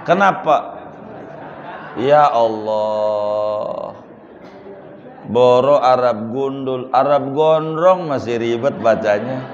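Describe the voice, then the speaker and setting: A man's voice: mid-range voice, measured pace, a little hiss or hum. A male Islamic preacher, giving a religious lecture and teasing the audience with questions. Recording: dull lo-fi sound in a reverberant hall.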